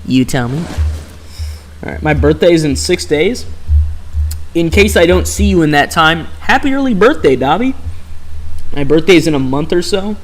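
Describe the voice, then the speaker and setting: A man's voice: a little high, unhurried, long pauses. Sarcastic young man streaming a game. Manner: chatty, sarcastic, reads chat aloud. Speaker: live streamer. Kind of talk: casual gameplay commentary. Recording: faint background music.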